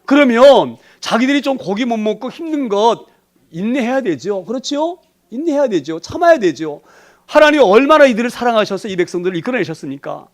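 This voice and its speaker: A male pastor preaching a sermon in a colloquial way, firing rhetorical questions at the congregation and swinging between emphatic bursts and quiet asides. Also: very high-pitched, very animated, a little fast.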